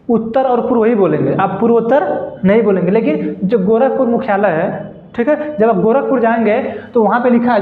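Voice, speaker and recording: A man teaching a geography lesson in a classroom, explaining patiently and constantly checking that students follow. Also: very high voice. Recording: echoey room, tinny phone-like sound.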